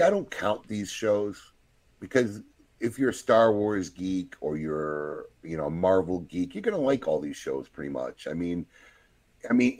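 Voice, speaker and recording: A middle-aged man hosting a podcast in casual chat, excitable and swearing often. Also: sits low, dry recording. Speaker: podcast host.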